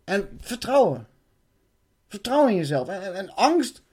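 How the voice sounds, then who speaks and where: A man's voice: high voice, sing-song, unhurried, dark tone, breathy edge. A man recounting a personal spiritual experience in an intense way, swearing and restarting his sentences.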